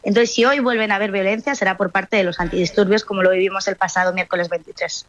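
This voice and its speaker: A woman's voice: mid-range voice, fairly even intonation, fast talker, lo-fi sound. A woman speaking assertively as a spokesperson in a radio interview. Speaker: tenants' union spokesperson.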